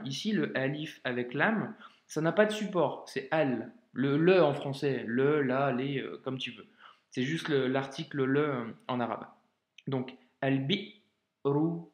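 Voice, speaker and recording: Man, teacher, video lesson, patient, informal, slow speech, echoey room. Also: medium pitch. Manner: patient, informal, addresses the learner as tu; slow, drawn-out modeling of example words. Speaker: Arabic reading teacher.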